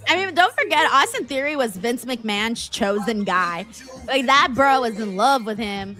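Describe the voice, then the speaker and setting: A woman's voice: fairly high pitch, lively intonation, moderate pace, sharp tone, faint music behind. A woman hosting a casual wrestling watch-along, chatting and answering viewer comments. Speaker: livestream watch-along host.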